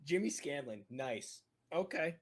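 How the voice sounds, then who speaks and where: A man's voice: on the high side, lively intonation, a little slow, slightly rough. A man co-hosting a racing podcast in casual chat, loose and jokey, laughing often and acting out other people's lines. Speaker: podcast co-host.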